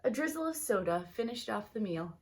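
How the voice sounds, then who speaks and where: A woman reading a children's storybook aloud like a teacher, with expressive, emphatic phrasing aimed at young listeners. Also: mid-range voice, brisk. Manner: talks directly to young listeners.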